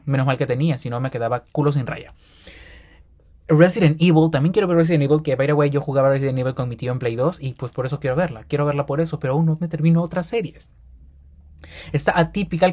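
A young man hosting a solo podcast, rambling fast and animated with slang and self-corrections. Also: fairly high pitch. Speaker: podcast host. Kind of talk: casual solo podcast monologue.

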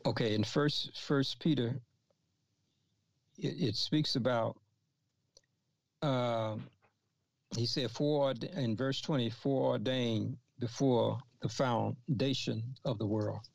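Slow gravelly man teaching scripture. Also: medium pitch, fairly even intonation, dry recording. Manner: halting, repeats and restarts phrases, reads scripture aloud. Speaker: Bible teacher. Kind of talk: slow expository Bible teaching. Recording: dull lo-fi recording.

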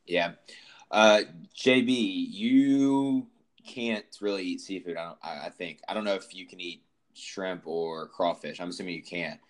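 A man's voice: low-pitched, unhurried. A man hosting a casual sports podcast, asking easygoing, rambling questions. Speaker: podcast host.

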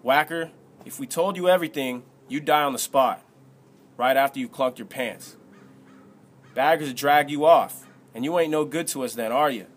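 A man voicing a gruff, bossy teenage boy leader who talks in rough slang, in a storybook reading. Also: medium pitch, normal speed, a bit bright, lightly acted. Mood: angry.

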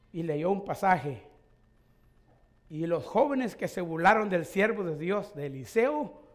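A male pastor in middle age preaching a sermon in a conversational way, with rhetorical questions and light chuckles. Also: high voice.

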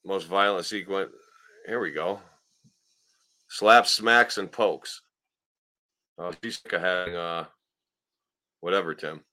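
Male podcast host, lowish bright voice, slangy and sweary, rambling casual chat. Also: takes it slowly, long pauses. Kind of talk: casual chat, reacting to clips.

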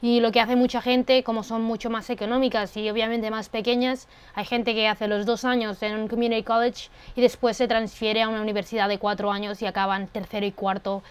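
A woman hosts a podcast interview in a smooth, clear voice of middle pitch. She asks her questions and explains terms for the listeners as she goes. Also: fairly even intonation, a little fast. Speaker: podcast host.

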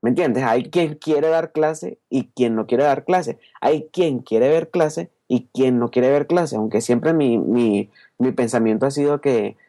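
A young man in his twenties with a Venezuelan accent, answering interview questions over a remote call. He talks casually, hesitates often and keeps checking in with a quick 'ok?'. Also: medium pitch, mellow. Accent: Venezuelan Spanish. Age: 20s. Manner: conversational, tags phrases with 'ok?', frequent hesitations. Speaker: interview guest, podcast listener. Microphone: remote call over Skype.

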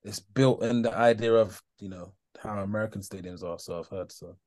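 A young man with a London roadman accent chatting casually about football in slangy, halting phrases full of asides. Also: lowish voice, fairly even intonation, a little mellow, dry recording, studio quality. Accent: London, urban slang. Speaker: football podcast co-host.

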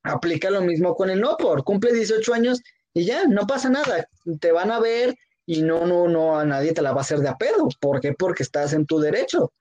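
A man's voice: high voice, lively intonation, a little fast, a little mellow, highs cut off. A young man with a Mexican accent, making emphatic points in slang in a casual chat. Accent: Mexican Spanish. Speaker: co-host.

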